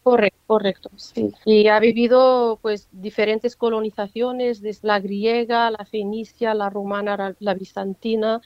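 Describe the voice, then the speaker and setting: A North African author whose first language is Amazigh gives measured, reflective answers as an interview guest, often tagging "¿no?" onto her sentences. Her voice is medium-pitched and level, with no echo and lo-fi sound.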